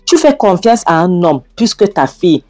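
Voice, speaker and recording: A woman's voice: lowish voice, big pitch swings, moderate pace, warm tone, soft background music. A woman voicing an indignant friend who scolds and presses with many questions. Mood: insistent. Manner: scolding, insistent.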